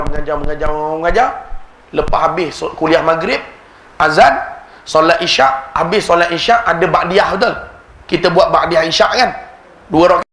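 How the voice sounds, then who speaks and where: A male preacher with a Malaysian Malay accent, giving a humorous sermon and acting out anecdotes in the voices of other people. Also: on the high side. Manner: animated storyteller, mimics other people's voices. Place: mosque prayer hall. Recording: echoey prayer hall with background noise.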